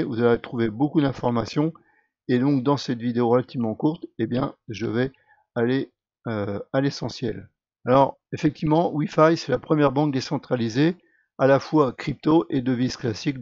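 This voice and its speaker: A man of middle pitch explains a product in a casual, conversational walkthrough, often stopping on filler sounds as he gathers his thoughts. The recording is dry and close, with a dull, somewhat lo-fi tone. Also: a little mellow, dry recording. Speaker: video creator presenting a crypto product. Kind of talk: explanatory screen-share walkthrough.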